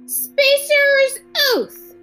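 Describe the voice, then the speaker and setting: A woman voicing an excitable male spaceship captain in a storybook reading, with a high, strained voice. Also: very slow, faint music behind, full character voice, rough recording. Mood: urgent. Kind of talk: audiobook character voice.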